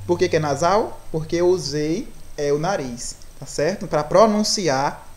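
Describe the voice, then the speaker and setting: A woman's voice: deep voice, unhurried, darkish tone. A woman with a Brazilian accent teaching a Portuguese grammar lesson, explaining step by step and often checking in with her students. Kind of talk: recorded online lesson.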